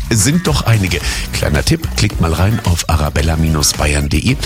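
A man hosting a music radio show, chatting casually and speaking straight to the listeners. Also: low-pitched. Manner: chatty, addresses listeners directly. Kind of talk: upbeat radio presenting. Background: music bed.

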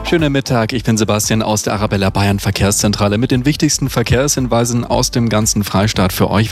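A man reading a radio traffic report in a casual, friendly way, speaking straight to the listeners from a studio mic. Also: fairly low pitch.

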